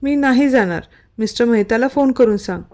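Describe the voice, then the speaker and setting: A woman reads as a worried, protective young man who speaks in short, commanding bursts. She keeps her own fairly high voice for him, with only a light shift. It sounds like a storybook read-aloud. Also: fairly quick, a little mellow, lightly acted. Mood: tender. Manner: curt, worried orders.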